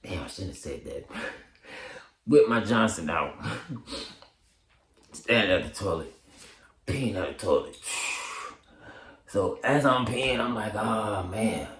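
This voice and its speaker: A man's voice: fairly low pitch, animated, a little slow, pauses often, a bit bright. A young man casually telling a story in heavy slang, laughing often and acting out his own reactions. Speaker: storyteller vlogger. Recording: echoey room.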